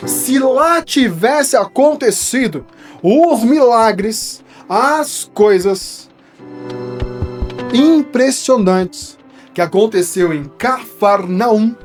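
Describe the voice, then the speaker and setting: Over music, a man from São Paulo, Brazil, preaches in a very high, expressive voice at a very slow pace. With his São Paulo Portuguese accent, he explains a Bible verse in a studio, teaching conversationally and checking in with listeners as he goes.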